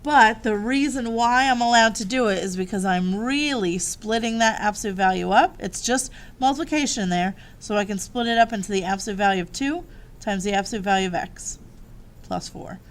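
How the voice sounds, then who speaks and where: A woman's voice: mid-range voice, fairly quick. A woman teaching a math lesson, upbeat and walking the class through each step.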